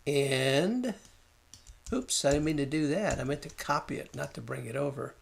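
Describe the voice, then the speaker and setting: A man with a slightly high, gravelly voice walks through a design tutorial as he works. He thinks aloud and mutters at the software when it stalls. Keyboard and mouse clicks sound behind him. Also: normal speed, a little hiss or hum. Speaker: design instructor. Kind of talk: screen-recorded software tutorial.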